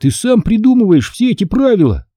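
A man doing a jittery boy who stammers and blurts in a raised, lively voice. The timbre stays dark and husky, recorded close and dry. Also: sits high, brisk, no echo, voice pushed up, heavily acted. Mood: anxious. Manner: stammering, excited. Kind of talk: audiobook character voice.

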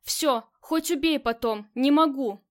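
A crude, streetwise gangster man talks in blunt slang, as a woman reading the audiobook puts him on. The voice stays high, close to the reader's own. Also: a little slow. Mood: pleading. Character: rough, crude man, the boss's gangster friend.

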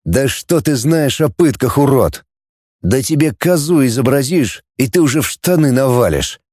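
A man voicing a gruff, mocking male fleet commander who barks orders, in an audiobook. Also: mid-range voice, expressive, moderate pace, darkish tone, dry recording, studio quality, lightly acted. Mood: commanding. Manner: barking orders, sneering.

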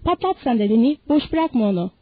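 Loyal ranch worker yelling orders, raised and loud, lady reading, dull sound. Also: on the high side, animated, quick pace, breathy edge, no room sound. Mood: shouting. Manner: shouting urgent orders. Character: anxious loyal small ranch worker man.

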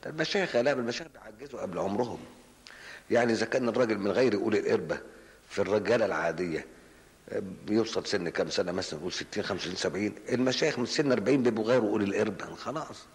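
An Egyptian man preaching in a large mosque hall, his words rolling out quickly in a slightly low voice. He fires rhetorical questions and scolding asides at his listeners. A long reverb trails behind each phrase. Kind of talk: colloquial religious lesson.

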